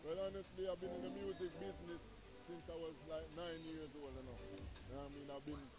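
A middle-aged man from Trinidad and Tobago speaks in a Caribbean patois accent, fairly high-pitched for a man. He talks earnestly and a bit preachily, often tagging on "you know what I mean," into a handheld mic held close. The interview takes place inside a music lounge. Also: fairly quick, low-quality recording. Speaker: reggae artist guest. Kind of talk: interview at a venue.

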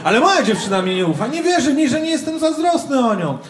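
High-voiced shouting stand-up comedian. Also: male voice, fast talker. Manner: loud, animated, acts out shouted quotes. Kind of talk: stand-up routine. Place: large comedy venue with live audience. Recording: echoey venue with audience noise.

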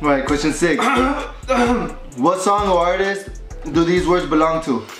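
A man's voice: sits high, lively intonation, measured pace. A young man on a casual challenge vlog, laid-back and giving short replies in a bowling alley. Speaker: vlog guest. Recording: roomy echo with music behind.

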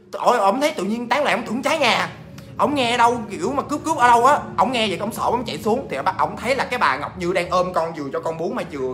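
A man telling a ghost story in a chatty, animated way, talking straight to his listeners. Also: high-pitched.

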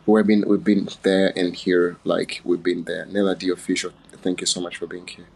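A man's voice: low-pitched, level tone, normal speed, gravelly, a little mellow, slightly rough, rough recording. A man from Uganda hosting a casual, playful livestream chat on his phone, chatting and laughing often. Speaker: livestream host.

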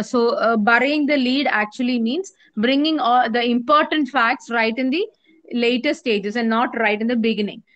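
A woman with an Indian English accent teaching a journalism class online, explaining patiently, repeating her points and pausing with many fillers. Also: fairly high pitch, fairly bright tone, dry recording, lo-fi sound.

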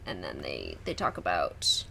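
A woman's voice: extremely low pitch, huge pitch swings, measured pace, gravelly, sharp tone, soft background music. A woman co-hosting a book podcast, giving short agreeing replies and reading passages aloud from the book. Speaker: podcast co-host. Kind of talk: casual book discussion.

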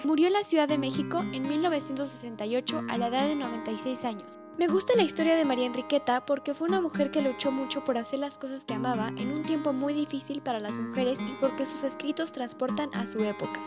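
A woman host giving scripted documentary narration in a clear, measured storytelling manner. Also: high-pitched. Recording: music bed under narration. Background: guitar music.

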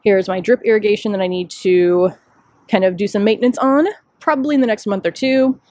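A woman's voice: medium pitch, brisk, a little mellow, dry recording. A woman giving a casual walking tour of her rooftop container garden, chatty and self-deprecating, thinking aloud as she goes, recorded outdoors on a handheld phone. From Chicago area. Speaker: garden vlogger. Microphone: handheld phone camera, speaker off screen.

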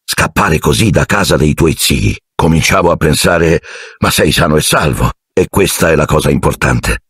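A man's voice: extremely low pitch, lively intonation, moderate pace, a bit bright, husky, no room sound, clean studio sound, full character voice. A man doing Fudge, a jovial fussy minister. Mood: jovial, patronizing. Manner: genial, patronizing, evasive. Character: fussy jovial middle-aged male minister.

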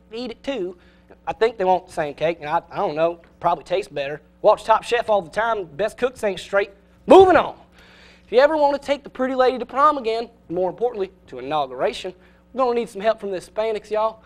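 A rowdy middle-aged coach with a thick Southern accent, put on by a man in a comedy sketch. He booms and hollers in a high, pushed voice, all bluster and folksy swagger. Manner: shouting pep-talk bluster.

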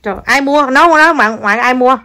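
A woman's voice: high voice, a little fast, bright, forceful tone. A woman, a mother chatting casually to viewers at home while teasing her young child.

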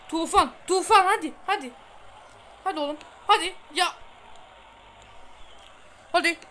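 Bright, high-voiced woman host, excited game commentary, unhurried between outbursts. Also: a little hiss or hum. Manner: chatty, urging players on, shouting goals, boasting to viewers. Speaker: gaming channel host. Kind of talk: excited let's-play commentary.

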